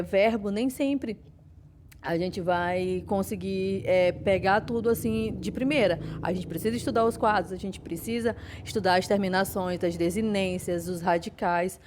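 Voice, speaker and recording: A woman's voice: medium pitch, darkish tone, slight background noise. Brazilian woman teacher explaining grammar. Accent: Brazilian Portuguese. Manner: explanatory, many fillers and restarts. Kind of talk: online class lecture.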